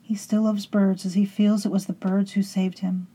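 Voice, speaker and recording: A woman hosting and narrating a scripted horror story in a hushed, intimate way, sometimes sinking into whispers and calling her listeners beloveds. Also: medium pitch, level tone, moderate pace, husky, poor audio. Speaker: storytelling host.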